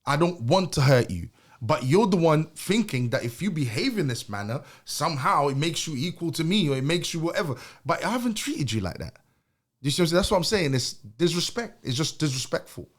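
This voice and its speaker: A man's voice: on the high side, big pitch swings, fairly quick. A young adult man co-hosting a podcast, arguing his point emphatically in casual chat, repeating himself and laughing between points. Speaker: podcast co-host.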